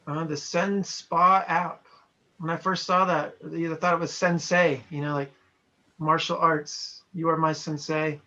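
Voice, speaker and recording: A man from Montana with a bright, slightly high voice speaks in an unhurried way with little pitch movement. He is a trainer on a lo-fi video call, chatting casually with online participants, reading their chat messages aloud and commenting.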